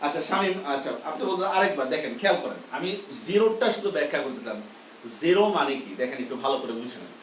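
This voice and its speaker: A man's voice: a little high, expressive, racing, reverberant, far from the mic, a little hiss or hum, low-quality recording. A man teaches a grammar lesson live. He explains step by step and keeps asking whether the class understands.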